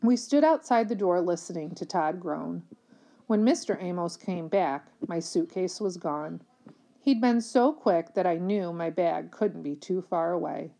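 A woman reading a chapter of a novel aloud in a plain, even storytelling manner. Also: lowish voice, measured pace, vocal fry. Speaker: reader.

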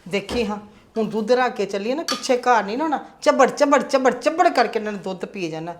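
A woman playing a sharp-tongued mother who scolds her sons and scorns her elderly in-laws in a family drama. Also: fairly high pitch, expressive, fast, close to an everyday voice. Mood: grumbling. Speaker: mother and daughter-in-law.

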